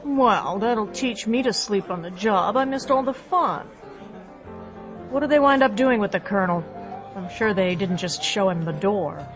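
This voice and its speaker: Flirty, confident woman agent, played by an actress, mid-pitched, playful teasing, audio drama with prominent music. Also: lively intonation, unhurried, lightly acted, low-quality recording. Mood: breezy, teasing. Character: flirtatious, breezy, self-assured female agent.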